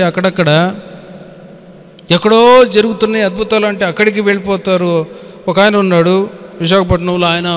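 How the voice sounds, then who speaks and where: Here a man with a somewhat bright, high-set voice preaches as a pastor at a Bible study. He urges his audience on colloquially, asking rhetorical questions and mixing in some English. Long reverb from an echoey hall fills the recording.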